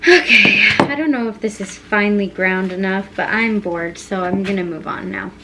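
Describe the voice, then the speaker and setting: A woman's voice: mid-range voice, normal speed, very noisy. A woman filming a casual baking vlog, talking to herself in a rambling, self-mocking way while reading a recipe aloud. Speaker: home baking vlogger.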